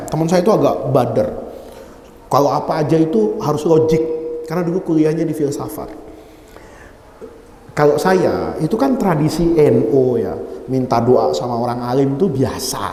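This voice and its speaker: A man's voice: mid-range voice, mellow, slight background noise. A man preaching a humorous sermon in a mosque, teasing the congregation by name as he teaches a classical text. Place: mosque hall. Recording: echoey mosque hall with long reverb.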